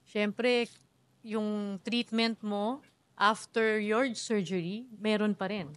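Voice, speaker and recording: A woman's voice: mid-range voice, fairly even intonation, slow pace, smooth, no echo. A woman hosting a health talk show, asking her guest questions and summing up her answers.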